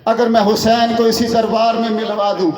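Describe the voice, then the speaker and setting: A cruel, gloating tyrant, played by a man preaching, spoken in a high, flat tone. The voice echoes around a large hall from a distant mic. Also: a crowd in the background.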